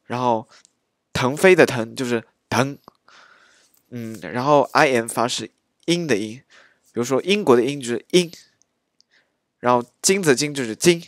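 A man walks through dialect sounds one by one in a very slow, halting way, often pausing on filler sounds. His voice sits at a middling pitch. The recording is dry and close, with no room sound. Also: dry recording. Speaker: dialect teacher. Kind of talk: pronunciation lesson.

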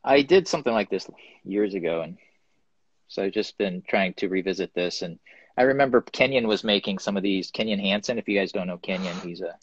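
A man's voice: deep voice, a little fast, husky, dry recording, dull audio. A man talking casually from his pottery studio over a live video stream, rambling with lots of ums as he shows his work. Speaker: guest ceramic artist. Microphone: phone or webcam on a live video stream.

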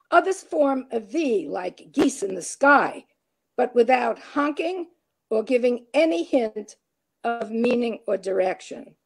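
High, gravelly woman reading her poetry. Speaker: poet and professor.

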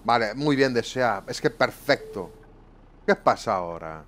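A man's voice: mid-range voice, lively intonation, unhurried, fairly bright tone, slight background noise. A man commentating his bus-driving gameplay live home, swearing often and grumbling to his viewers. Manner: swearing, exasperated, talking to viewers. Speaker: gaming YouTuber. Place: home room.

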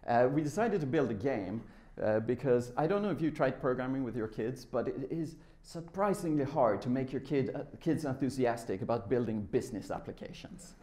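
A middle-aged Swedish man, a software developer, gives a tech conference talk in a large lecture room before a seated audience. His medium-pitched voice is warm and lively, moving fairly quickly with hardly any pauses. He keeps things informal and conversational.

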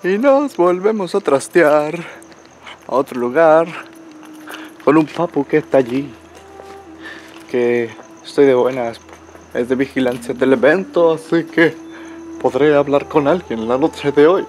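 A hoarse young man, vlogging outdoors on a city street with crude, playful outbursts. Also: fairly high pitch, measured pace, long pauses, darkish tone, slight background noise. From Colombia. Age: young adult. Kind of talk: joking handheld vlog. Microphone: handheld camera at arm's length.

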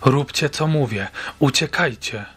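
A man voicing a hostile old woman, a witch-like neighbour who scolds children harshly and shouts at them. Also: medium pitch, a little slow, husky. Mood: shouting.

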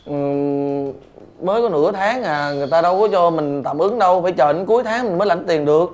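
A young actor plays a broke, scheming young roommate in a TV drama. He, a high voice and a rapid, jumpy delivery, and he keeps calling out to his friends. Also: close to an everyday voice. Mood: worried. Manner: quick, excitable, calls out names. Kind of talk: TV drama acting.

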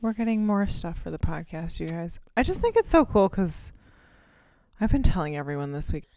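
A woman's voice: on the low side, sing-song, normal speed, darkish tone, dry recording. A young woman co-hosting a podcast in casual chat, playful and self-mocking, speaking right into a close studio mic. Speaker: podcast co-host. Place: home studio, seated against a wall. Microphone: studio microphone, pressed close.

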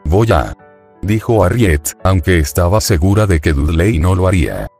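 Deep-voiced man narrating a story. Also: normal speed, darkish tone, soft background music. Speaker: fan fiction narrator. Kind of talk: scripted narration.

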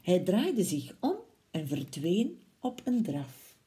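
A woman teacher, reading a picture book aloud to her pupils in an expressive storybook style. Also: on the low side, slow pace.

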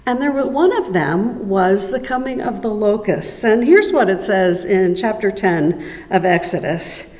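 A woman's voice: mid-range voice, expressive, a little slow, darkish tone. A woman giving a chatty, informal devotional message in a church sanctuary, with a cathedral-like echo. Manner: chatty and conversational, with frequent ums. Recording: echoey church sanctuary with long reverb.

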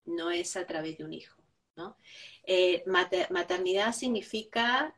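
A woman's voice: fairly low pitch, recorded from a distance. A woman, a guest giving reflective spiritual talk, who tags each point with a questioning "right?". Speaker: interview guest.

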